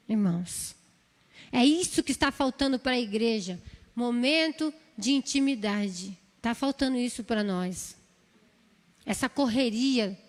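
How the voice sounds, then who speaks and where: A woman with a São Paulo Brazilian accent delivers a sermon in a church hall. Her voice sits high, and she pleads earnestly, circling back over the same phrases. A long reverb trails each line across the room. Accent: Brazilian Portuguese, São Paulo. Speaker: preacher.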